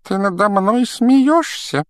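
A man's voice: high voice, expressive, slow, no room sound, clean studio sound, pitched above the performer's own voice. A man voicing a weepy, sulking ghost girl who wails tearfully in a storybook reading. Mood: tearful wailing. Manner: wailing, tearful.

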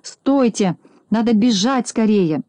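Brief: woman reading as a frightened little storybook shorty boy, raised voice, mellow tone, urgent and pleading. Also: on the high side, expressive, takes it slowly, dry recording, voice pushed up. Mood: alarmed. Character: Neznaika, small impulsive shorty boy, frightened.

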